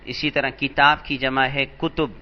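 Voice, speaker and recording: A man's voice: medium pitch, level tone, dull audio. Patient man teaching Arabic grammar. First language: Urdu. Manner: patient, repeats words slowly for emphasis. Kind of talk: lecture explaining vocabulary.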